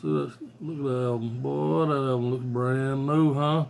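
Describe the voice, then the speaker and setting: Showing off his cassettes in a small indoor bedroom, this middle-aged vlogger speaks at a moderate pace with vocal fry and a darkish, fairly even medium-pitched tone. He's blunt, profane and offhand, rambling casually while a phone at arm's length picks him up along with slight background noise.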